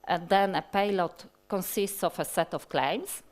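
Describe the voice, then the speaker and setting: With a voice on the low side and a Polish accent, a woman in her forties presents a technical conference talk from a large hall stage. She speaks slowly and deliberately but with many fillers and restarts.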